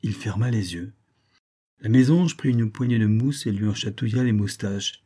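A man narrating a storybook reading in a measured storytelling manner. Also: lowish voice, mellow.

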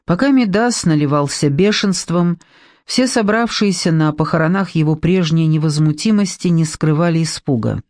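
A woman's voice: deep voice, moderate pace, darkish tone, dry recording. Woman reading an audiobook, dry close sound. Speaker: audiobook narrator. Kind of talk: scripted audiobook narration.

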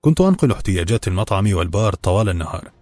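Low-pitched male audiobook narrator, steady and measured, dry close sound, soft music bed. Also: dry recording. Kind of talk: scripted novel narration.

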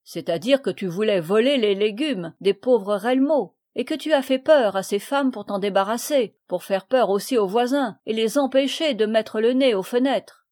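A woman's voice: mid-range voice, animated, measured pace, hardly any pauses. A woman reading the lines of a stern nobleman who scolds a thief in a firm, raised voice. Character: stern commanding nobleman, older husband and father.

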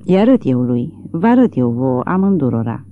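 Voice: mid-range voice, big pitch swings. A reader voicing a stout, furious farm wife who scolds breathlessly, on tinny phone-like audio.

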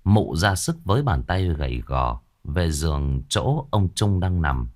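A man narrating a ghost story in a dramatic, expressive way. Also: very deep voice, a little slow.

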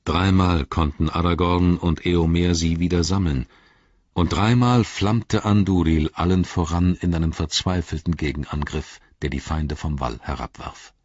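A man with a very deep, husky voice narrates an audiobook in a measured, dramatic way. The recording is dry and a little dull, like lo-fi audio. His reading stays steady and deliberate. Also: dry recording.

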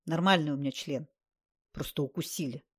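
A man's voice: fairly high pitch, fairly quick, a bit bright, husky. A woman reading aloud and voicing a sulky, offended male occultist who grumbles and snaps. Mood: gloomy. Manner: gloomy, grumbling, snapping.

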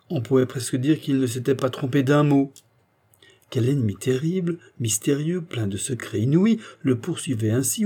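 Guy narrating an old novel, mellow warm voice, measured and expressive. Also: mid-range voice, husky. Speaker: audiobook reader. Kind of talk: scripted narration.

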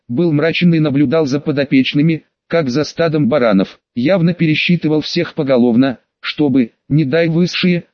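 A man reading an audiobook in a steady, measured narration. His voice sits slightly high, and the recording is dull and lo-fi. It is also very dry, with no room echo. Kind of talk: scripted narration.

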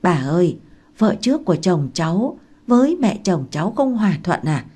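A woman reading aloud and voicing a meek young pregnant daughter-in-law who asks softly and pleads. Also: fairly low pitch, big pitch swings, normal speed. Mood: pleading. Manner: soft, pleading, curious.

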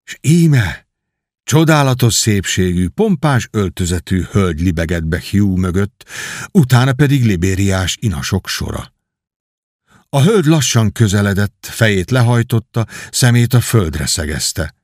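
A man narrating an audiobook in a measured storytelling manner. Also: lowish voice, big pitch swings, a little mellow, no echo, studio quality.

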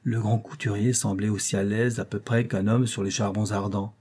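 A man reads a novel aloud with measured, expressive storytelling. His voice is dark and mellow, with a husky edge. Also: fairly low pitch. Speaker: audiobook reader. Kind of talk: scripted narration of a novel.

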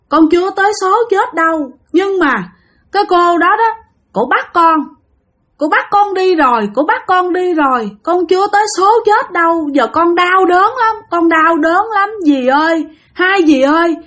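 A woman's voice: high voice, big pitch swings, very fast, few pauses, warm tone, pitched above the performer's own voice. A woman voicing the ghost of a young man, weeping and gasping for breath as he pleads. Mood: anguished pleading.

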